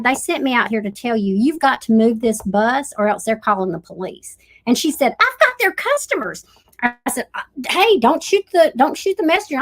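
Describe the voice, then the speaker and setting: Middle-aged Southern woman co-host with a slightly high voice, a lively storyteller who acts out the other people in her tales. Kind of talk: casual chat on a live stream.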